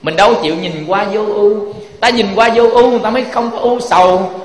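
High-voiced Southern Vietnamese monk, echoey hall. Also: male voice, quick pace. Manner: keeps asking the audience rhetorical questions. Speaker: Buddhist monk preaching. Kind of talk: sermon. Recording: echoey hall with long reverb.

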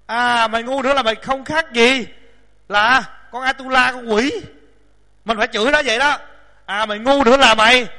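Male Buddhist monk, playful preaching voice, bright and sharp. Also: high voice. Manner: lively, joking, acts out voices, scolds himself. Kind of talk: dharma talk to a large lay audience. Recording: long hall reverb.

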